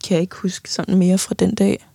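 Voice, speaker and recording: A young woman giving a halting, personal account of loss in an interview, often pausing and restarting, sometimes tearful. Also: on the low side, little pitch movement, vocal fry, warm tone, slightly rough, no room sound. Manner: halting, many fillers and restarts, tearful at times.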